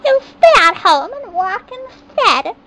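A woman voicing a cruel skeleton stepmother who scolds in a shrill, high voice, reading a storybook aloud. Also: very animated, slow, very noisy, heavily acted. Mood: scolding.

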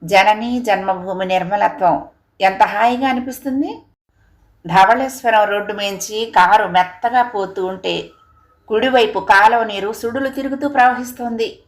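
A woman narrating a family story as an audiobook reader, in a steady, expressive storytelling manner. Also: medium pitch.

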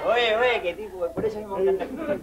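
A man with a Cuban Spanish accent acting in a comedy sketch, playing a flattering sidekick who keeps echoing and egging on his friend. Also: high-pitched, fairly quick, a faint crowd, a little hiss or hum, pitched below the performer's own voice, close to an everyday voice. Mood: teasing. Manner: eager, echoing interjections.

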